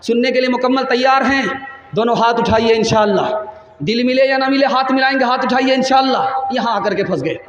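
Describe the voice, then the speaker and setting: High bright male preacher, rapid and teasing. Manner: rapid, addresses crowd directly, teasing. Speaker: Islamic preacher. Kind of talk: religious gathering speech with comic anecdotes. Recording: roomy echo, faint music behind.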